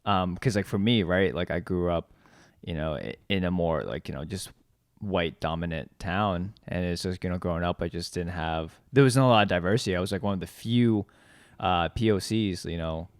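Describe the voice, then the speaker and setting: Low-voiced, halting podcast host man. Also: no echo, studio quality. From US East Coast. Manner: halting, repeats words, asks leading questions. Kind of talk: casual chat.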